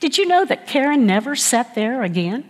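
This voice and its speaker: A woman pastor preaching a sermon, telling stories slowly and emphatically with dramatic pauses. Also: a little high, big pitch swings. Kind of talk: sermon storytelling. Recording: long reverb of a large hall.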